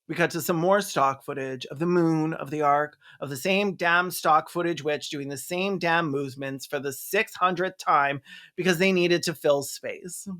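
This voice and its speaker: This video essayist and film reviewer narrates a movie recap from a script, sounding sarcastic and mocking with occasional swearing. The voice sits in the mid range and is slightly bright.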